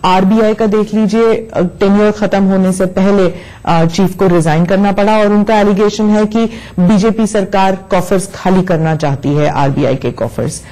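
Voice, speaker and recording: A woman interviewer with a mellow, darker tone poses long, probing political questions. She winds through her points and pauses on hesitant fillers along the way. Her pitch is middling. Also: poor audio.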